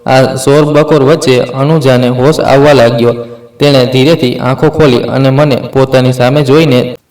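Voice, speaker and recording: Male storyteller, first-person family drama, steady and dramatic, echoey room, off-mic. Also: mid-range voice, normal speed. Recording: roomy echo, distant from mic.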